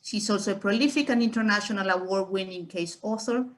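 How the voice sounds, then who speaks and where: A woman's voice: mid-range voice, fast. Woman host reading a formal introduction. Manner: formal, reads carefully. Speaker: event host.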